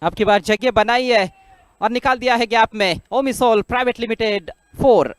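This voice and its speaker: Male sports voice: excited cricket commentary, high and very clear, close dry sound, exclamatory on big hits. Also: normal speed, no room sound. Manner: exclaims at big shots, voice rising sharply.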